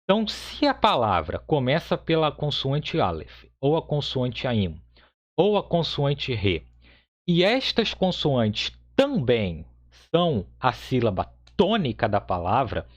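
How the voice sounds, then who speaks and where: A man's voice: medium pitch, wildly swooping pitch, slow pace. A man teaching a Hebrew grammar lesson, explaining step by step in a patient way and often checking with the listener. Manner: patient, repeats points with frequent "tá?" checks. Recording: slightly dull lo-fi audio.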